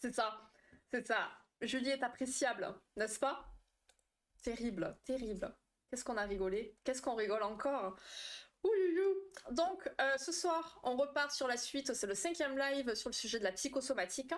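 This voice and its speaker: A young woman who is a therapist and live stream host chats with viewers in a fairly high voice at normal speed. She laughs frequently and replies to their comments.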